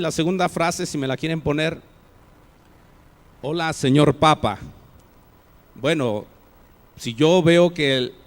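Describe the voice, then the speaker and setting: In a church hall, a pastor with a Mexican Spanish accent preaches a sermon, acting out example phrases in shifting tones. His voice is fairly high-pitched, and the sound has a big-room quality.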